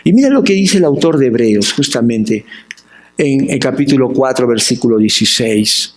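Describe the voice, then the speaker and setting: A Peruvian pastor preaching a sermon in lively Spanish, asking questions and answering them himself, and acting out the people he quotes. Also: mid-range voice, moderate pace. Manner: acts out the voices of the people he quotes.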